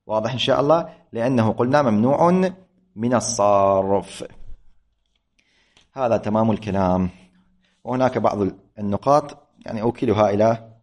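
A man's voice: lowish voice, moderate pace, pauses often, a little mellow. A man teaching a grammar lesson, patiently repeating points and correcting himself aloud. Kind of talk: classroom lecture.

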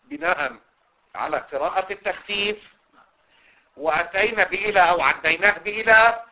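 Male teacher, slightly higher voice, repetitive explaining style, dull lo-fi recording. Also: expressive, moderate pace, creaky. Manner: repeats points and checks understanding. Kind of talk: classical text lesson.

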